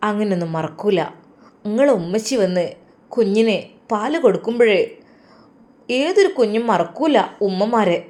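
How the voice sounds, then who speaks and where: A woman voicing a gentle young father who soothes his children with soft reassurance, in a Malappuram accent. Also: mid-range voice, animated, moderate pace, pauses often, close to an everyday voice. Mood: soothing. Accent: Malappuram Malayalam.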